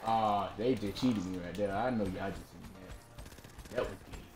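A young man giving excitable, joking commentary on his own gameplay, yelping and shouting at the screen. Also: low voice, measured pace, over loud music. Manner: excitable, yelps and jokes at the screen. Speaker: gaming video creator. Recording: echoey room with loud gunfire.

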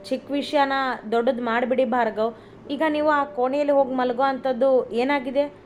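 A woman's voice: sits high, steady tone, normal speed, slight background noise, close to an everyday voice. A woman voicing a young wife who pleads with her husband, close to tears. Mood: pleading. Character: young wife, anxious and tearful, loving. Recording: slightly dull recording, faint music.

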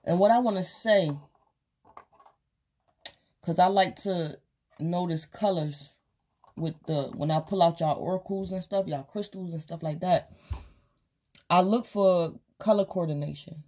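In a small room at home, at a table of cards and crystals, a tired woman who is losing her voice gives a loose, rambling tarot reading. Her lowish, mellow voice moves at a measured pace with long pauses, full of fillers and repeats.

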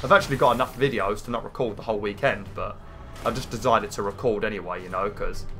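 Faint music plays behind a British gaming host whose lowish, quick, pushed and bright voice sounds like he's pinching his nose. His casual gameplay commentary is informal, rambling and full of swearing.

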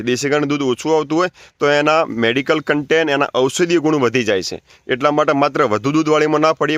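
A man's voice: medium pitch, fairly bright tone, no room sound, clean studio sound. A man giving an earnest, preachy spoken appeal to keep cows, repeating his points and urging listeners. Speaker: natural farming advocate.

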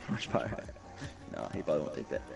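A man's voice: extremely low pitch, very animated, normal speed, gravelly. A young man streaming a game, reading viewers' chat aloud in hyped, slangy casual talk. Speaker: gaming streamer. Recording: distant mic under loud game music. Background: loud game music.

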